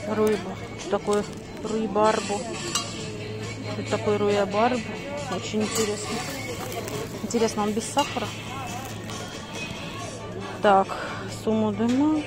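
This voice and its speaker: Loud music plays under a middle-aged woman's mid-range, steady voice as she speaks unhurriedly with long pauses. She holds her phone at arm's length for a casual vlog, rambling and thinking aloud on the move through a stairwell, a parked car and a busy supermarket.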